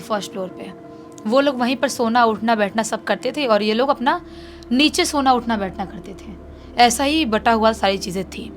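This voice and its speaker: Woman, high voice, casual horror storytelling, chatty, faint music underneath. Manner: conversational, acts out shouted quotes.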